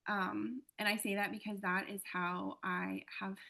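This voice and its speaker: A woman speaking as an interview guest, reflective and earnest, pausing often as she thinks aloud. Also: medium pitch, little pitch movement, vocal fry, pushed and bright. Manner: earnest, thoughtful, many "um" and "like" pauses.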